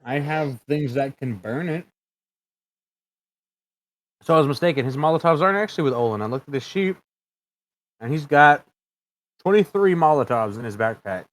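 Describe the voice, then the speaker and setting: A man's voice: a little high, lively intonation, normal speed, long pauses, poor audio. A man chatting casually as a tabletop game player over a voice call. He thinks aloud and often stops to correct himself mid-sentence.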